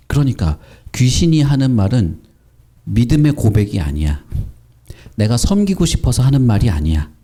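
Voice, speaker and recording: A man preaches a children's sermon at Sunday school, talking to the kids in a relaxed, informal way. His pitch rises and falls freely as he quizzes them and acts out little quotes. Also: moderate pace. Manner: animated, asks children questions and acts out quotes.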